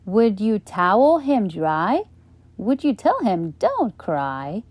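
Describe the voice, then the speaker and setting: Woman reading a kids bedtime story, slow and gentle, warm mellow voice, dry sound. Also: medium pitch, big pitch swings, no room sound. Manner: gentle, questioning read-aloud. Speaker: storyteller host.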